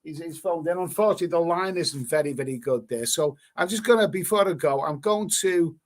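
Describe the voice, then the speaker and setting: A man's voice: on the high side, a little fast. A man hosting a casual live stream, reading out chat comments and rambling with many repeated words and casual swearing. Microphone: webcam stream mic.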